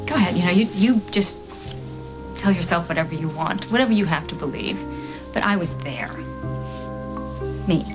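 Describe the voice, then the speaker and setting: A woman's voice: lowish voice, animated, moderate pace, pauses often. An actress playing a smug, taunting woman who gloats over her rival in a daytime soap opera. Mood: gloating. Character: smug taunting woman, the other woman in a love triangle. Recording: music playing underneath.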